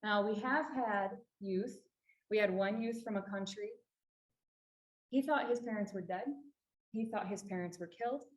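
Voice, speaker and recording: In an echoey library meeting room, a presenter from a refugee services agency gives a public talk to the audience. She speaks with a mid-range voice at a moderate pace, explaining earnestly and stressing key points.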